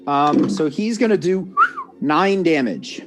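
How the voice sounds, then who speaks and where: A man narrates a tabletop game as game master, slow and easy, his pitch rising and falling widely. He laughs often and corrects himself as he goes. Faint music sits under the voice. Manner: relaxed, laughing, self-correcting. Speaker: dungeon master.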